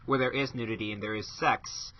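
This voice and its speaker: A man's voice: on the low side, steady tone, fairly quick. A man co-hosting a casual gaming podcast in a laid-back, amused way. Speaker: podcast co-host. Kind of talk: casual chat. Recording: dull lo-fi podcast mic.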